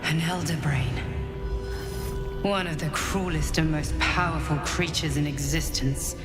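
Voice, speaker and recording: A woman playing a solemn, intense adventurer in a video game, speaking gravely and deliberately. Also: sits low, loud music behind the voice. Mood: awed dread. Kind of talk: dramatic video game acting.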